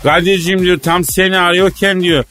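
A male radio comedy host playing the straight man in a sketch. He teases his guests in a playful, mock-formal way, with a slightly high voice. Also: fairly even intonation, moderate pace, fairly bright tone, soft background music.

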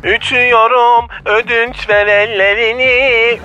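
A man's voice: very high voice, little pitch movement, slow pace, sharp tone, soft background music, full character voice. A man playing a thawed-out frozen man who shivers and stammers, heard over a muffled phone line. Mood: shivering. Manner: stammering from cold.

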